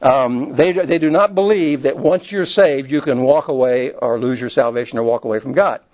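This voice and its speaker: A man's voice: medium pitch, moderate pace, darkish tone. A man preaching a sermon in a conversational, rambling way, often restarting his sentences. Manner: conversational, digressive, with frequent restarts. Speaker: pastor. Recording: slightly dull, lo-fi recording.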